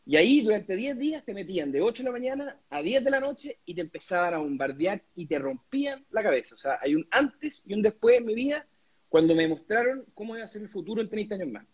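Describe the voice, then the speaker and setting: A man's voice: high-pitched, sing-song, fast, breathy edge, highs cut off. A young Chilean man, a lawyer running for office, answering an interview in earnest, with many restarts and repeated words. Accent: Chilean Spanish. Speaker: lawyer and constituent assembly candidate being interviewed.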